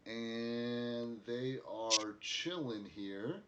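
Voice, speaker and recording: A man narrating a tabletop game as game master, casual and halting as he improvises. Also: mid-range voice, a little hiss or hum.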